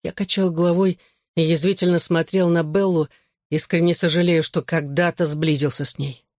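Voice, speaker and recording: An audiobook reader narrating a first-person novel and speaking the male lead's lines in a measured, even way. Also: medium pitch, dry recording, studio quality. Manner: measured, even storytelling with dialogue.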